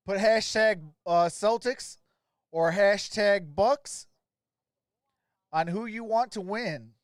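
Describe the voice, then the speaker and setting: A man hosts a live sports stream, casually calling plays and chatting informally with viewers, whom he addresses by name. His voice sits high and he speaks slowly. The studio sound is clean, with no echo.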